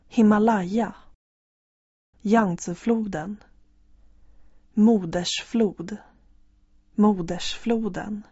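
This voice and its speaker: A woman reading a vocabulary list word by word, slowly and evenly, as a language lesson drill. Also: mid-range voice, mellow, breathy edge, no echo. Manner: reads single words slowly and evenly. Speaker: language teacher. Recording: dull lo-fi recording.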